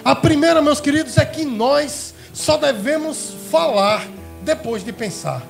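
A man's voice: very high-pitched, expressive, a little slow, gravelly, soft background music. A man preaching a sermon as pastor, calling his listeners brothers and beloved and asking them questions.

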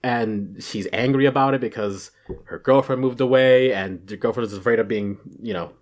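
A man's voice: medium pitch, moderate pace. A man talks casually in an office, rambling along. He trips over his own words and laughs them off. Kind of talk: casual chat.

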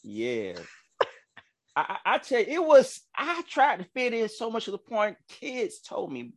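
A Georgia man in his thirties with a Southern accent, both podcast host and minister, gives a fervent, preacherly testimony full of stammering restarts. His voice is extremely high with huge pitch swings and a measured pace, captured in a dry, studio-quality recording.

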